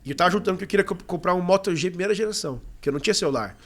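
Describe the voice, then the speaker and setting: A young Brazilian man tells his story as a podcast guest, talking very quickly and with lots of energy. His voice sits a little high for a man, and his casual manner is full of fillers.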